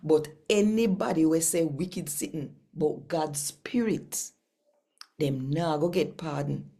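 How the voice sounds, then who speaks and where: A woman with a Jamaican accent and a low, dark voice hosts a daily scripture reading. She reads with expression and talks straight to her listeners, pausing often and giving the story a deliberate, emphatic delivery.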